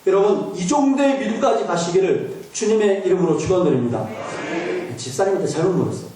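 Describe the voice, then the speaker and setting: A man's voice: high voice, animated, fairly quick, mellow. A male pastor preaching in a church, joking and asking the congregation questions. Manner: humorous, asks the congregation questions. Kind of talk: sermon. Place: church sanctuary. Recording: echoey hall from far off.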